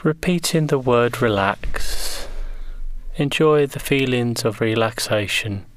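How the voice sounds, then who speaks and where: Calm guy talking you through muscle relaxation, super slow, dry close sound. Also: mid-range voice, dry recording. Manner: slow, soothing, gentle instructions. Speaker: relaxation guide. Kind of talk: guided progressive muscle relaxation.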